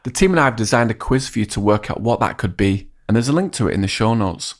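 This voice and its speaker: Guy hosting a podcast, reads the intro smooth and expressive, dead dry sound. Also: fairly low pitch, quick pace, dry recording. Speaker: podcast host. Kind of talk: scripted podcast narration and interviewing.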